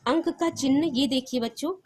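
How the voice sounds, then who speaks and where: A woman's voice: high voice, normal speed, background noise. A young woman teaching a recorded grammar lesson for children, patient, repeating points and asking the class questions. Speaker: school teacher.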